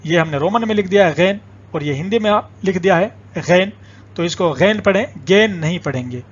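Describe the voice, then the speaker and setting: A man's voice: high voice, muffled recording. A man teaching a beginners' lesson on the alphabet, patiently repeating each letter sound aloud for learners to copy. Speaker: language teacher.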